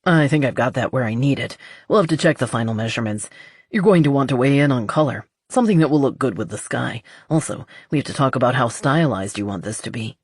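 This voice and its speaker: A woman voicing a calm, teasing adult man in an audiobook, speaking in a low, controlled way. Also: quick pace, slightly rough, no echo, studio quality, full character voice. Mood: easygoing. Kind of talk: audiobook character voice.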